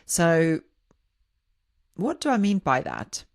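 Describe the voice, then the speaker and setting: This podcast host from Finland has a low, creaky voice and a Finnish accent, and she talks slowly but very animatedly. In her informal solo monologue she sounds hesitant, repeating and rephrasing words mid-sentence.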